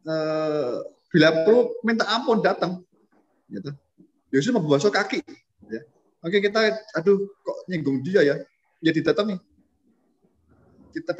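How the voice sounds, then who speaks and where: A man preaching a conversational sermon, often calling his listeners brothers and sisters. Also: a little high. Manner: conversational, addresses listeners as saudara. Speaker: pastor. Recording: dull lo-fi recording.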